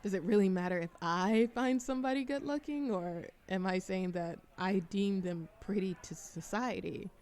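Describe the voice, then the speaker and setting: A woman's voice: medium pitch, normal speed, few pauses, darkish tone, natural voice. Woman acting as a shy, rambling, bookish young woman. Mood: awkward, musing. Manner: nervous giggles, hesitant, self-deprecating rambling. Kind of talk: roleplay ASMR audio drama, conversational monologue.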